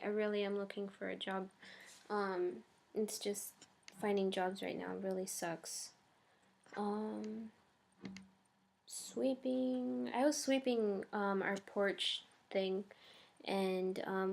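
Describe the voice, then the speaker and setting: A woman's voice: medium pitch, steady tone, takes it slowly, vocal fry. A young woman chatting casually in her first vlog, hesitant and full of ums and likes. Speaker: vlogger.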